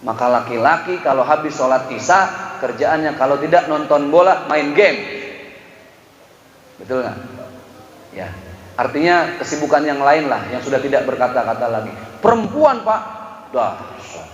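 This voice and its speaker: A man's voice: mid-range voice, expressive, normal speed, pauses often. A male Islamic preacher giving a humorous sermon, storytelling and acting out voices of husbands and wives. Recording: echoey dull hall recording.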